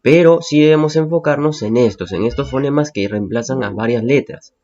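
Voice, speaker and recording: A man's voice: medium pitch, fairly quick, a little mellow, dull audio. A male teacher patiently explaining phonetic symbols to students, repeating key points and checking understanding.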